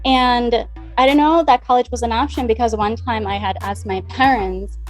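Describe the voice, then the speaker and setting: A woman's voice: a little high, fairly even intonation, normal speed, soft background music. A woman from the Dominican Republic, a money mindset coach, chatting as a guest in an interview, upbeat and talkative. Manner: upbeat, talkative, acts out past conversations. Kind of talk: conversational interview.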